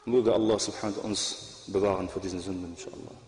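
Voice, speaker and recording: A man's voice: deep voice, fairly even intonation, rapid-fire, a little mellow. A man preaching a sermon in an earnest, exhorting manner, recorded with echoey hall reverb.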